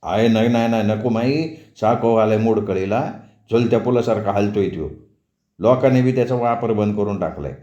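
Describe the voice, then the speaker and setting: A man's voice: on the low side, normal speed, dark tone, lightly acted. A man playing a teasing young village son. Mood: cautious. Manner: rustic village speech, teasing. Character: young village man, playful grown son, quick-witted. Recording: dull, roomy recording.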